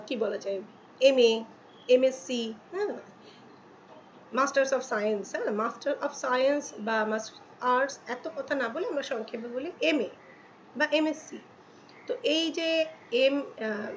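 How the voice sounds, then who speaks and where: In Bengali, a high-voiced woman teaches grammar, walking students through articles while stretching out each English example and repeatedly checking that the listener is following. The audio is dull and lo-fi, with a faint background hum of ambience.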